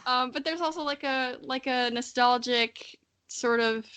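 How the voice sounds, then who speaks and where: In a high-pitched, slightly slow voice that's bright, forceful, clear and resonant, a podcast host in her early twenties from Missouri, US, jokes around informally and makes fun of herself.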